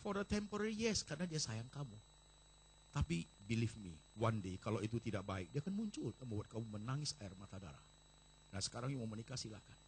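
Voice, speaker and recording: A male pastor preaching a lively sermon to a congregation, acting out voices of church members and slipping in English phrases. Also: mid-range voice, fast, a little hiss or hum. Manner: animated preaching, acts out congregants, mixes in English. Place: large church.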